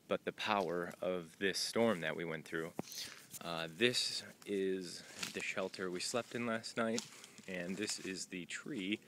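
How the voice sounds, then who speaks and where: A man with a very low, bright, forceful voice talks into a handheld camera outdoors in the woods. He rambles casually, full of "uh" and "um". Faint outdoor noise sits behind him. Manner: rambling and informal, with many "uh" and "um" fillers. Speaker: thru-hiker vlogging his trail day. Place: outdoors at a trail shelter in the woods.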